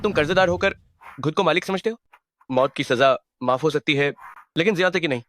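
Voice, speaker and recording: A man's voice: a little high, brisk, a bit bright, slight background noise, natural voice. A man dubbing a young hidden war god who poses as a fool, cold and threatening in one moment and childish in the next. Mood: cold, menacing. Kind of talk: Hindi dub of a drama.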